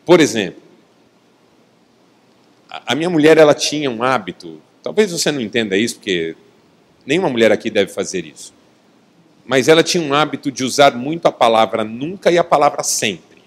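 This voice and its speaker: Brazilian pastor preaching with rising emphasis. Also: male voice, medium pitch, animated. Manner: storytelling, acts out both sides of arguments; rises to emphatic preaching, then drops soft and slow. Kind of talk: sermon. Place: church.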